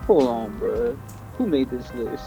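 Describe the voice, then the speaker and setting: A man's voice: mid-range voice, animated, unhurried, gravelly, dark tone, dull audio, faint music behind. A man guesting on a podcast, giving brief, laid-back replies in casual sports chat.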